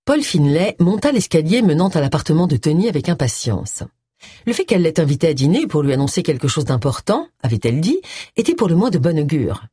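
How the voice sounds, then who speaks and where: A woman narrating an audiobook in expressive storytelling style. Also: low voice, fairly quick, slightly rough, no echo, studio quality. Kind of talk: scripted narration.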